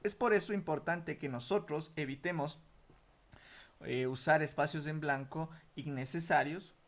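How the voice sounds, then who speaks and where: A man teaching a software tutorial, explaining each step patiently and often checking in with short questions before answering his own. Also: fairly high pitch, unhurried. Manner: asks rhetorical questions then answers them. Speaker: computer skills instructor. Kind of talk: screen-recorded software tutorial.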